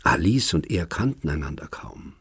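Brief: deep, husky male narrator for literary audiobook; even, measured reading, close dry studio sound. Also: dry recording.

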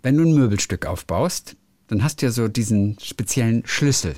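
A man's voice: medium pitch, expressive, moderate pace, darkish tone, dry recording, clean studio sound. A man, a radio host, chatting casually on a call and explaining how words are pronounced, with many fillers. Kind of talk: casual phone chat.

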